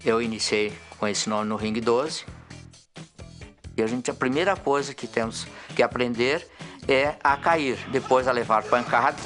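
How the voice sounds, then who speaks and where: A man's voice: medium pitch, a little slow, fairly bright tone, soft background music. Brazilian man explaining in an interview. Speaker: wrestler.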